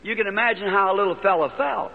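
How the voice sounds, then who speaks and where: A man preaching in a high, homespun voice, full of rural turns of phrase. The old archival recording sounds dull and lo-fi. Long reverb from a large hall trails behind his words. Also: quick pace, creaky. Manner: folksy, plain-spoken storytelling with rural turns of phrase. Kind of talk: sermon storytelling.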